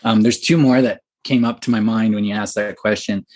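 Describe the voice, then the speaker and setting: A young man telling a story as a podcast guest, excited and animated, with many fillers. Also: fairly low pitch, fairly quick. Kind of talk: casual storytelling.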